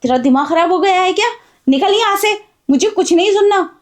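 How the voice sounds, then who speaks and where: A woman's voice: extremely high pitch, lively intonation, a little fast. A woman playing a blind housewife who scolds and rebukes indignantly in a melodramatic drama. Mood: angry.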